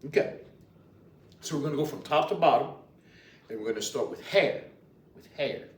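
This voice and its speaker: A man with a Louisiana Cajun accent teaching an informal language lesson, deliberate and repetitive, with hesitant pauses. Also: a little high. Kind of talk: informal lesson, explaining and repeating words. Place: indoors in a library. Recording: roomy, distant mic, faint noise.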